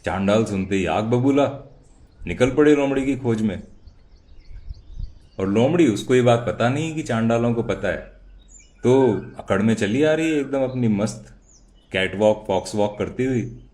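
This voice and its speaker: A man's voice: medium pitch, animated, measured pace, pauses often, a little mellow. A man narrating a children's story dramatically, with sound words and idioms.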